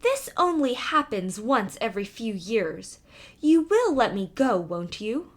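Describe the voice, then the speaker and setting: Storybook cat woman acting: female, greedy, smug, coaxing and cool, unhurried delivery with an animated, highish pitch. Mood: coaxing, sly.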